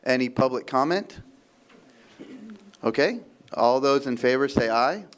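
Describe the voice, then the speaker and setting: A man's voice: mid-range voice, lively intonation, unhurried, smooth. A man chairing a public committee meeting in an easygoing, lightly joking way.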